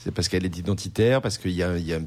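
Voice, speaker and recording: A man's voice: deep voice, racing, a little mellow. A man who is a sommelier and restaurant owner, explaining wines on a radio show with frequent hesitations and repeated words. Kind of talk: wine talk on radio.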